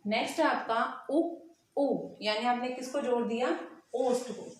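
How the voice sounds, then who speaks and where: A woman teacher giving an exam-prep grammar lesson. She asks her own questions, answers them, and draws vowel sounds out slowly. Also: fairly high pitch. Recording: echoey room.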